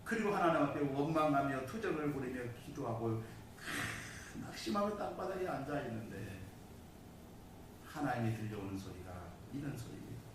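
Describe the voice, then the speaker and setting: A man delivers a sermon with a high, lively voice that leaps up and drops low as he tells his story. He is recorded from a distance in a church, so his words ring through a strongly echoing hall. A faint hiss sits under the sound. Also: moderate pace. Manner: dramatic storytelling with sudden loud and soft swings. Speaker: pastor. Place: church sanctuary. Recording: distant mic in a very echoey hall.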